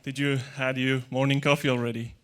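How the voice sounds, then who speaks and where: A smooth, fairly bright, medium-pitched voice with a level tone and slightly fast pace belongs to a man giving a tech conference talk. He holds a handheld mic in a large, dark hall before an audience, joking and chatting with hesitant restarts and non-native grammar.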